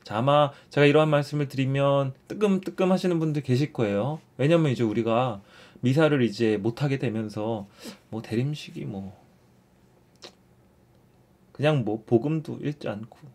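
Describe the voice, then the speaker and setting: Speaking at a moderate pace in a mid-range male voice, a young man leads a casual, conversational catechism lesson. Warm in his explanations, he repeats phrases and keeps prompting his listeners with "자," meaning "so."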